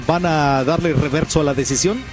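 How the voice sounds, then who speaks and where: A man commentates live American football for a radio broadcast. His voice sits somewhat high for a male. Music plays clearly behind him. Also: normal speed. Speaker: sports commentator.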